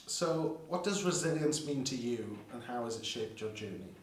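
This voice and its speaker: A man's voice: mid-range voice, lively intonation, normal speed. Echoey distant man asking questions. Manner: encouraging, frequent short agreements. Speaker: interviewer. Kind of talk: reading interview questions. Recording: very echoey, far from mic, faint noise.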